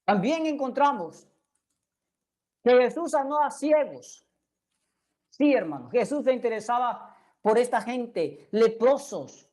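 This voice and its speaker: A woman's voice: a little high, dark tone. A woman preaching a sermon in Spanish. She speaks earnestly and keeps turning to her listeners with direct questions.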